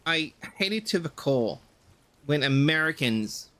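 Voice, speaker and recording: Man, game streamer, casual rambling rant, swears a lot, bright lively voice, fairly high pitch. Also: a little slow. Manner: rambling, ranting, swears freely. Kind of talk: casual chat while gaming.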